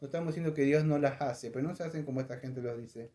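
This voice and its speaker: A man preaching a conversational sermon in a church, animated and acting out voices in his stories. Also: medium pitch, fast. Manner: animated, acts out voices in anecdotes. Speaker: pastor.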